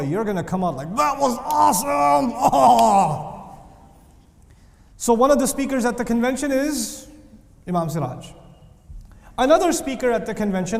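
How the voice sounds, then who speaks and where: A man giving a lively Islamic lesson, telling stories with acted-out voices, recorded in a reverberant lecture hall. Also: high-pitched. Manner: animated storytelling with voices and jokes. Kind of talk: lively religious talk. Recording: reverberant hall with faint noise.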